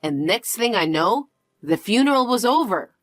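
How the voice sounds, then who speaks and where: A woman's voice: mid-range voice, sing-song, moderate pace, no room sound, soft background music. A woman voicing an anxious, pushy middle-aged mother in a dramatized story narration, sounding frantic and guilt-tripping.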